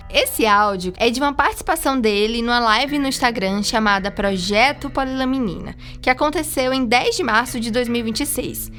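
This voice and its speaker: A Brazilian woman with a fairly high voice narrates a journalism podcast from a script. She keeps it informal and conversational, with music playing behind her. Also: fairly bright tone.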